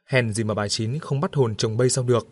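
Casual: guy doing a stern old villager telling folks off, plain even voice. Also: mid-range voice, a little fast, dry recording, clean studio sound, close to an everyday voice. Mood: scolding. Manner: scolding. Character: stern older villager, scolding and grave.

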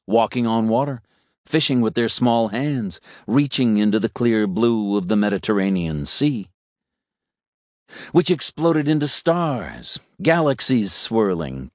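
A man reading a story aloud in a measured, unhurried way. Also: mid-range voice, darkish tone, dry recording, studio quality. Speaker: narrator. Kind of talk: storybook narration.

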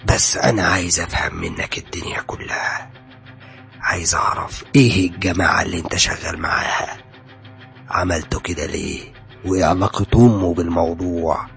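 An actor playing a menacing police interrogator who taunts and threatens a suspect in an audio drama. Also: male voice, low-pitched, lively intonation, normal speed, creaky, pauses often, soft background music. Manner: taunting, sarcastic, sudden shouts. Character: menacing male police interrogator, mocking and cold. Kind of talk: audio horror drama acting.

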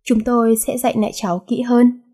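A woman's voice: fairly high pitch, steady tone, a little fast, dark tone, close to an everyday voice. A woman voicing a stiffly polite, formal middle-aged father-in-law. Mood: stiff politeness.

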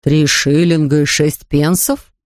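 A middle-aged father in a storybook, low, mild and careful, always a little worried, as a woman reader voices him. He speaks slowly and the voice sounds dry and close. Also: steady tone, a little mellow, no room sound. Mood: concerned. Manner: slow, careful and concerned. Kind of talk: audiobook character voice.

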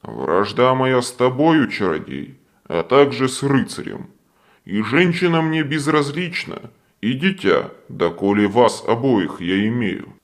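A man voicing a slow, menacing ghostly monster. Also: medium pitch, lively intonation, natural voice. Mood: cold. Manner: slow, solemn, old-fashioned threats. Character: menacing ghostly male monster, archaic speech. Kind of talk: audiobook character voice.

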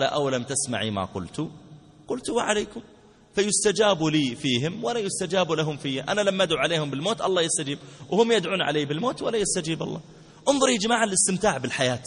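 Male preacher, lively and colloquial, voice a touch high, echoing hall. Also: husky. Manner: animated storytelling, colloquial asides. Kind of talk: religious lesson. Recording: long hall reverb.

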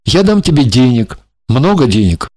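A woman's voice: rumbling low, big pitch swings, moderate pace, mellow, dry recording, pitched below the performer's own voice, heavily acted. A woman voicing a scheming man who coaxes and placates his impatient lover in an audiobook. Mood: placating. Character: scheming male lover, smooth and evasive. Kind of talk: audiobook character voice.

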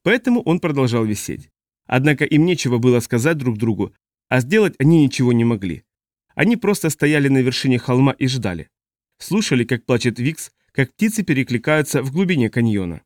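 A man reading a novel aloud in measured, steady scripted narration on a close mic. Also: medium pitch, no echo. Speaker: audiobook narrator.

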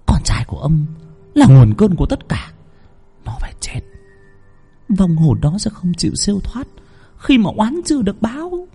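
A man doing a shrill raving spirit medium woman. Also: big pitch swings, moderate pace, husky, soft background music, exaggerated voice. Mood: harsh. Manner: prophesying doom in shouts and cackles. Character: shrill menacing female spirit medium in a trance.

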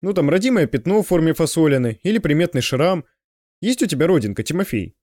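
A man voicing an older, fussy, hard-drinking male guide who talks in an excitable, insistent way. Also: fairly high pitch, fast talker, no echo, clean studio sound, voice pushed up.

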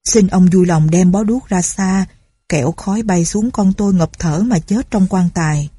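A woman's voice: lowish voice, normal speed, breathy edge, no echo. A woman voicing a desperate old father who pleads and cries out for help. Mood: pleading. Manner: pleading, then shouting for help.

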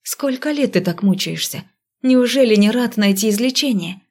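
A woman reading an audiobook, voicing a feisty young heroine whose retorts come out bright and teasing. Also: on the high side, lively intonation, normal speed, pitched above the performer's own voice.

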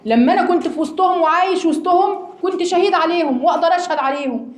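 An Egyptian woman teaching a religious lesson to a class of women, animated and asking them rhetorical questions. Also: very high-pitched, very fast, roomy sound. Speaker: Quran teacher.

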